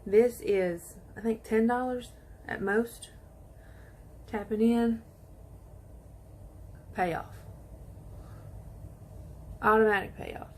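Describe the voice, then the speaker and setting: A woman chatting excitedly to viewers while she does her makeup in a casual tutorial. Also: a little high, very slow, pauses often. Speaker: beauty vlogger.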